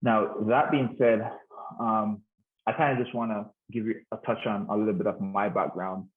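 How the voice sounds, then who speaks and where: A man's voice: on the low side, fairly even intonation, moderate pace. A man in his thirties giving a conference talk, hesitant, with many restarts and fillers. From Jamaica. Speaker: conference speaker. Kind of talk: informal presentation. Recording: tinny phone-like line.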